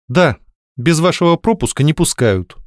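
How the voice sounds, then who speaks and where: A proud, defiant young woman from a storybook speaks in a high, cold and clipped way, as a male narrator puts her on. Her haughty tone rises above his usual voice, and the recording sounds dry and close. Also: lively intonation, moderate pace, no room sound, natural voice. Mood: cold insistence.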